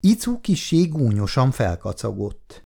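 Gravelly-voiced male narrator. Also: mid-range voice, very animated, darkish tone. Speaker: reader. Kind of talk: audiobook narration of a novel.

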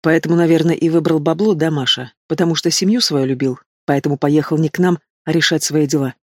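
Холодный, презрительный молодой бандит, которого озвучивает мужчина, аудиокнига. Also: male voice, fairly high pitch, fairly even intonation, fast, dry recording, clean studio sound, lightly acted. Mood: cold scorn. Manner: cold, contemptuous. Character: bitter young male henchman, cold and scornful.

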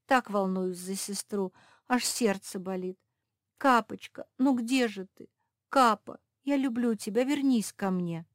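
A woman voices a young pug who bosses her sisters around lovingly, eager and commanding, with a note of longing. She pitches up from her natural voice but stays near everyday speech, mid-range and measured, in clean studio sound without echo.

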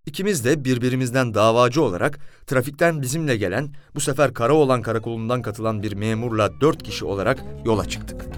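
A man's voice: mid-range voice, fast talker, hardly any pauses, over music. A man reading a first-person novel aloud as an audiobook, telling the story expressively. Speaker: audiobook reader.

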